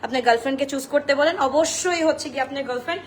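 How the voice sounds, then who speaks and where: Chatty high-voiced woman selling clothes live. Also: very fast. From Bangladesh. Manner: chatty, mixes English into Bengali, repeats sizes in a sing-song list. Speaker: online clothing seller. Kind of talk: live-stream sales pitch. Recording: echoey room with faint noise.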